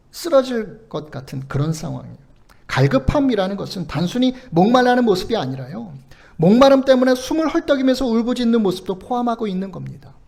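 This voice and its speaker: A man preaching a sermon as pastor, earnestly quoting scripture with rising emphasis and explaining it in a gently coaxing way. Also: very high-pitched, gravelly. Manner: gently coaxing, ends sentences with soft "거든요" and "요".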